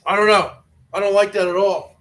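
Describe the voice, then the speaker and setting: In a high, bit-bright voice with fairly even intonation, a stuttering man in his forties talks a little fast while hosting a live stream. He complains to his viewers in an aggrieved, repetitive way.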